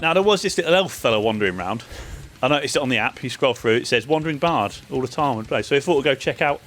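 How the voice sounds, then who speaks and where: A man's voice: mid-range voice, animated, fast, music in the background. A man giving a casual, chatty spoken review of a festival, loose and full of ums and uhs. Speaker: vlogger reviewing a metal festival.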